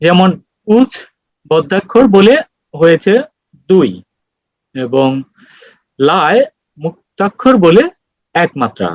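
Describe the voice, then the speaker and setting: High-voiced man lecturing over a call. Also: lively intonation, no room sound, poor audio. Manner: explains slowly with many pauses and fillers. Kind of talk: online lecture on poetry meter. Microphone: video call.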